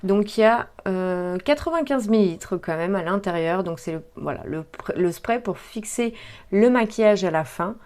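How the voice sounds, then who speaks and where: A woman's voice: mid-range voice, lively intonation, moderate pace, darkish tone. A woman, chatting casually as she unboxes makeup, with frequent hesitations and fillers. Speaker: beauty vlogger.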